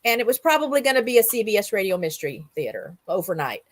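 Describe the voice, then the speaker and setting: A middle-aged or older woman hosts a livestream roundup show, chatting casually in an enthusiastic, rambling storytelling style. Her mid-range voice swings widely in pitch, she talks quickly, and there's no echo.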